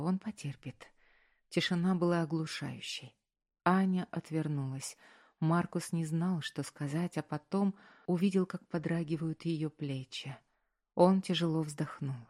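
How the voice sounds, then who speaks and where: A woman narrating a romance audiobook in a soft, slow, intimate reading. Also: deep voice. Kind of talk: scripted narration.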